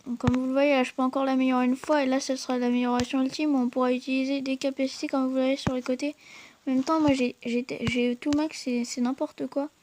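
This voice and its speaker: Chatty and talking straight to her viewers, a female gaming channel host comments on her gameplay while stumbling over fillers and restarts. She speaks quickly in a high-pitched, flat, slightly mellow voice, with a little background noise.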